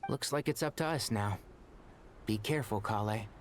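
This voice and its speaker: A man voicing a calm, capable young ranger mentor in a video game, with a dry, teasing, matter-of-fact way of talking. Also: lowish voice, normal speed, close to an everyday voice. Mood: cautious. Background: prominent music.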